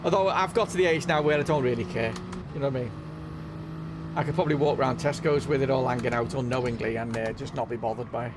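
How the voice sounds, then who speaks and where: A man's voice: mid-range voice, quick pace, background noise. A middle-aged man, hosting a live stream and telling a casual anecdote, often checking in with "right?" and "you know what I mean?".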